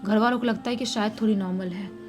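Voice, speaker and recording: A woman casually retelling a subscriber's horror story in a lively way, acting out the shouted quotes. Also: medium pitch, fast. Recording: faint music underneath.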